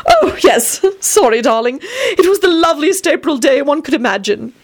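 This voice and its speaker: A woman reading an audiobook voices a flamboyant, fussy and dramatic grown man with an affected, plummy, drawn-out manner. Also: high-pitched, expressive, voice pushed up. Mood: gushing. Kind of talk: audiobook character voice.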